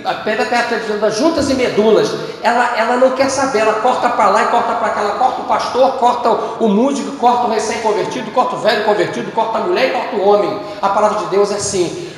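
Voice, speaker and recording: A man with a Brazilian Portuguese accent preaching a sermon as pastor, retelling scripture stories and acting out the dialogue, swinging between loud bursts and low tones. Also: a little hiss or hum. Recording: echoey church hall.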